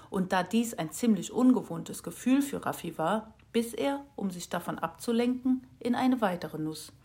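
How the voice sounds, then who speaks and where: A woman narrating a children's storybook with an expressive, lively reading. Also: medium pitch.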